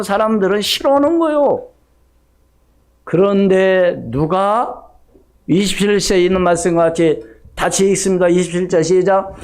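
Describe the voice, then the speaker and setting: Middle-aged guy pastor, high pitched, sermon like he's just chatting, does the gossip voices. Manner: conversational preaching, acts out gossipy dialogue. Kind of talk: Sunday sermon.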